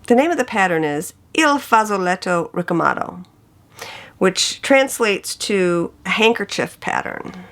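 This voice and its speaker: A woman chats through her stitching projects at an unhurried pace, with a gravelly edge in her voice. She gushes over patterns and colors like a devoted crafter sharing with friends. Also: lowish voice. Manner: enthusiastic, gushing over colors. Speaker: cross-stitch vlogger. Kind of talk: casual show-and-tell chat.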